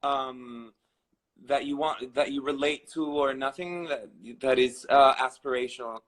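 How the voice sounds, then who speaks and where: A man's voice: mid-range voice, a little slow, a bit bright, rough recording. A man in his thirties from Venezuela, telling his personal story with many restarts and fillers. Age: 30s. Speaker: guest.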